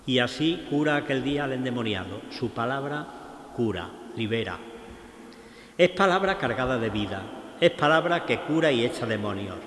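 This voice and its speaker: A man with an Andalusian Spanish accent giving a Lenten sermon as a priest, slow and reflective, asking rhetorical questions. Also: mid-range voice, animated, a bit bright, slight background noise. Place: large church. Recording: echoey church with long reverb.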